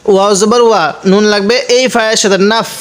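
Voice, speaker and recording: A man teaching Quran reading, spelling out letters and vowel marks and then chanting the words slowly, asking questions and answering them himself. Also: high-pitched, steady tone, clear, resonant tone. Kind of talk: step-by-step recitation lesson.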